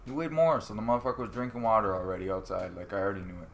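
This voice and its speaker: A man's voice: sits low, very fast, gravelly, slight background noise. A man telling a fight story to friends in casual, profane chat, acting out what people said. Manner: profane, animated, acts out quotes. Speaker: amateur fighter.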